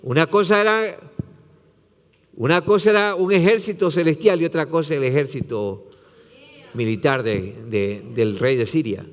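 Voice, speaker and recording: A man's voice: fairly high pitch, moderate pace, long reverb tail. A man, a pastor preaching a sermon, retelling scripture with dramatic voicing and repetition.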